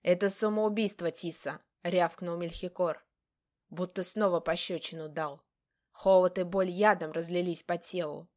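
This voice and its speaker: Женщина читает роман от первого лица. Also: female voice, on the low side. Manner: measured, expressive reading. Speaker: audiobook narrator. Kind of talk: first-person fantasy novel narration.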